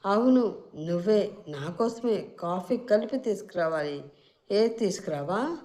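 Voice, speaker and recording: A woman's voice: mid-range voice, lively intonation, measured pace, warm tone, close to an everyday voice. A woman voicing a feisty young bride who gives curt orders and threats. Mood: bossy. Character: bossy feisty young bride, sharp-tongued.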